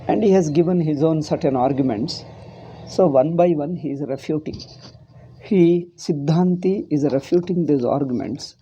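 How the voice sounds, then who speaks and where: Husky, very mellow South Indian male teacher. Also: on the high side, poor audio. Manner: deliberate, repeats phrases for emphasis. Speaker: teacher of Vedanta philosophy. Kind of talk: spoken scriptural lesson.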